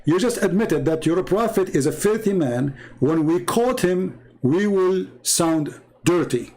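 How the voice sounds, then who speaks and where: Brief: male stream host, debate monologue, scornful and combative, slightly high voice, non-native English phrasing. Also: expressive, measured pace, mellow. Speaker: online religious debate host. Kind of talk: live-stream debate monologue reading viewer comments.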